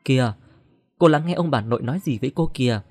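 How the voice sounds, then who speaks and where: A man's voice: mid-range voice, quick pace, no echo, lightly acted. A man voicing a young village boy who coaxes and argues with a ghost. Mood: coaxing.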